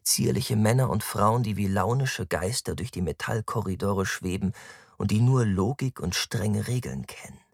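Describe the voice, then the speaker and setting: A man narrating an audiobook in the first person with an expressive, varied delivery. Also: fairly low pitch, moderate pace, gravelly, dry recording, clean studio sound.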